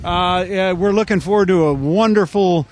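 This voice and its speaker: A man's voice: high voice, moderate pace. A man interviewing and commentating at an outdoor event, speaking in effusive, wordy, formal phrases. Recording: noisy outdoor recording with crowd. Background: crowd and outdoor noise.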